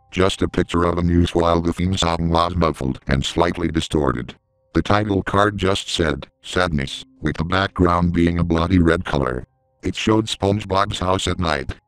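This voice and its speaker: A man narrating a scripted horror story in a deep, smooth and resonant voice. His delivery is steady and measured, and the recording is close and completely dry. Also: dry recording, low-quality recording.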